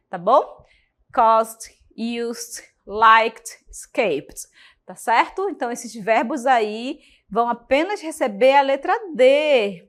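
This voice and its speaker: A woman with a Brazilian Portuguese accent gives a recorded class lesson, speaking in a slightly high voice. She explains patiently and keeps checking that her students follow along. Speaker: English teacher.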